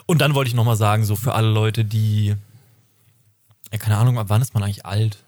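A man's voice: fairly low pitch, fairly even intonation, a little fast, a little mellow. Rambling young man in casual chat. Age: 20s. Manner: rambling, self-correcting, laughs often. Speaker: podcast co-host.

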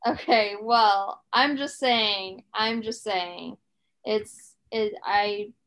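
A woman's voice: medium pitch, drawn-out words, fairly bright tone, a little hiss or hum, low-quality recording. A woman in her thirties co-hosting a podcast, chatting casually and rambling with plenty of fillers and restarts. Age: 30s. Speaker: podcast co-host. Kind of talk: casual chat.

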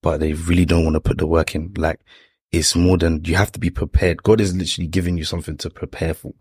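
Young man, London accent, deep husky voice, reflective, conversational, casual motivational talk, tag questions. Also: flat delivery, fast, darkish tone, no room sound, studio quality.

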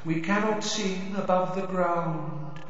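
A man voicing an eerie underwater chorus of merpeople, chanting slowly in a sing-song way. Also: high-pitched, very echoey, in a large hall, pitched above the performer's own voice. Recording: dry, dull lo-fi recording.

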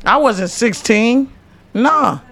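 Brief: woman, late 30s, boisterous joker on a podcast, pitched high for her. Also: lively intonation, takes it slowly, fairly bright tone. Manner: joking, boisterous, laughs often. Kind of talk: casual chat.

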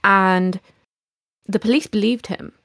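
A woman's voice: mid-range voice, steady tone, takes it slowly, a bit bright, no room sound, studio quality. A woman co-hosting a casual chat show, eagerly adding details to the story. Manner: chatty, adds details eagerly. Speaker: podcast co-host.

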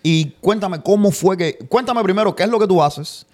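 Male podcast host, young adult, fairly high voice, lively, casual interview. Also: moderate pace. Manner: lively, mixes in English phrases.

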